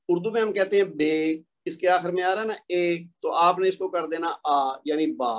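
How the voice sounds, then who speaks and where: A man's voice: high voice, poor audio. A man teaching a lesson, patiently spelling out letters one by one and repeating them. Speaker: Quranic Arabic teacher. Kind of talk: explanatory lesson.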